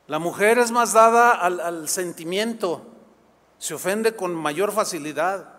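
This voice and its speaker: High-voiced pastor preaching in a hall. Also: male voice. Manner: animated, conversational preaching with quick asides. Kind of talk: sermon. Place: church sanctuary. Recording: long hall reverb.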